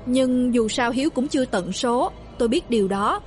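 A woman narrating a first-person ghost story in a steady, hushed storytelling manner. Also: on the high side, normal speed. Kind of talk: scripted horror narration.

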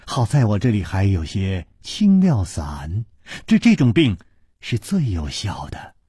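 A man doing a soft-spoken gentle woman. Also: lowish voice, wildly swooping pitch, a little slow, breathy edge, dry recording, studio quality, exaggerated voice. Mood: soothing. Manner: soft, soothing. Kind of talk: traditional storytelling.

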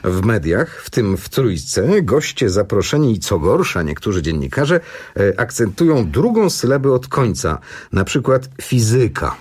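Male radio host, husky voice with animated pitch, playful studio chat reading letters. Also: moderate pace. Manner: lively, interjecting, playful.

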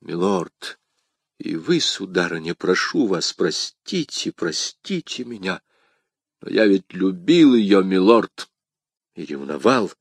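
A man reading the part of a hot-headed young nobleman in an audiobook, speaking softly in apology. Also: sits low, lively intonation, slow pace, no room sound, clean studio sound, voice pushed down, exaggerated voice. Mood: pleading.

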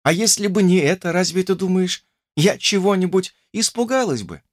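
A man reading an audiobook voices a gentle, fatalistic young woman who speaks softly and tenderly. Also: high voice, moderate pace, no echo, studio quality, pitched above the performer's own voice, lightly acted. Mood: tender, fearful. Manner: soft, tender, quietly insistent.

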